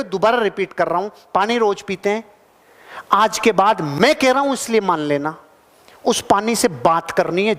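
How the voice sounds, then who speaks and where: A man with a high voice gives a motivational talk to a seated crowd. He is animated and swings from loud bursts to low asides, often putting questions to his listeners. His voice rings with the long reverb of a big hall. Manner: addresses the audience directly with questions. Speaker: motivational speaker. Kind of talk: live motivational seminar talk. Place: large hall with a live audience.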